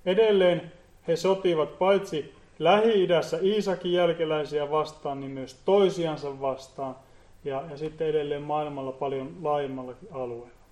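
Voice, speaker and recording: A man giving an earnest Bible teaching, often pausing and repeating words as he explains. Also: fairly high pitch, fairly even intonation, darkish tone, roomy sound. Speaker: preacher.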